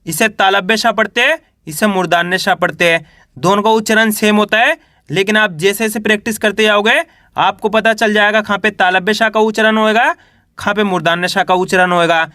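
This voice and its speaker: A man's voice: high voice, steady tone, brisk, pushed and bright, no room sound, studio quality. A man teaching reading, patiently drilling each letter with repeated questions and example words. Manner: patient, repetitive drilling of syllables. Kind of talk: classroom-style spoken lesson.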